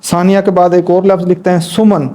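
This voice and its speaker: Male tutor, mellow and a little high-pitched, patient, spells words out slowly during the lesson. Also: little pitch movement. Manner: talks while demonstrating at a board. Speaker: Urdu writing teacher. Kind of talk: instructional lesson.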